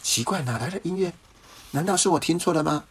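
A man's voice: fairly high pitch, expressive, fast, husky, pitched above the performer's own voice, full character voice. A man voicing a kindly old grandfather in a children's story, raising his voice with wonder and exclamations.

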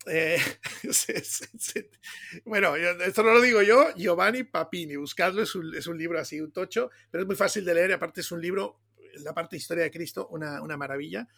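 A pastor from Spain with a Spanish accent, telling stories in a casual chat, animated and laughing often. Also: male voice, sits high, fairly quick, vocal fry. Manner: animated, laughing storyteller, says "tío" often. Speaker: pastor and podcast co-host.

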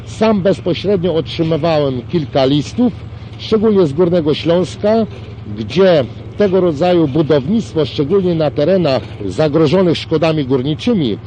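A man's voice: a little high, warm tone, slight background noise, low-quality recording. Official-sounding man on old worn tape. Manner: official, bureaucratic phrasing. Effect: played from old worn archive tape. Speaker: construction company director. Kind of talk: formal archive interview answers.

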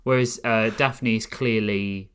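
A man with a low-pitched voice talks casually as a podcast co-host. He often pauses with ums and agrees readily with his partner. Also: fairly even intonation, a bit bright, slight background noise. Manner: hesitant, many ums, agreeable. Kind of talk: casual chat about cartoons.

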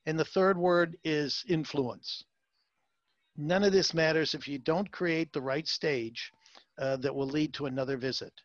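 Male consultant, slightly high voice, emphatic and repetitive, dull dry recording. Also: unhurried, dry recording. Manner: emphatic, repeats key words, many fillers. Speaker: salon marketing consultant. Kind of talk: interview, advice talk.

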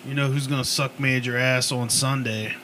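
A man's voice: mid-range voice, flat delivery, normal speed, sharp tone, soft background music. A young man co-hosting a casual sports chat in crude, slangy frat-bro talk. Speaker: podcast co-host.

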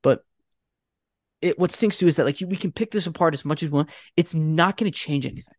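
A man co-hosting a casual sports podcast, ranting with a fan's exasperation and talking in quick bursts full of fillers. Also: a little high, dry recording, studio quality. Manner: animated, exasperated fan ranting.

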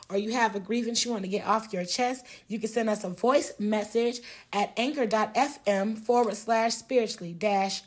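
A woman hosting a casual podcast chat, profane and quick to laugh, who also reads the show's outro. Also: a little high. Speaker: podcast host.

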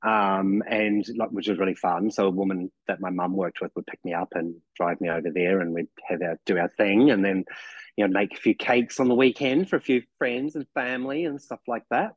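A man in his forties with a New Zealand accent chats casually as a podcast guest, rambling with plenty of "you know" and restarted sentences. His voice is low and steady and he talks briskly; the sound is lo-fi but has no echo.

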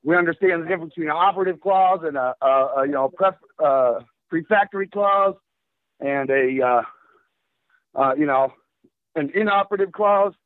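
A man's voice: fairly high pitch, moderate pace, no echo. Fired-up man on a tinny phone line. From Washington State. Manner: fired up, rambling with many fillers. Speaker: caller. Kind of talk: casual call-in talk.

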